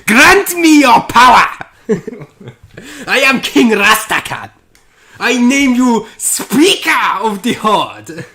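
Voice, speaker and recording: A man voicing a booming old male troll king from a game, loud, high and theatrical. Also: very animated, slow pace, full character voice. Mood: grandiose.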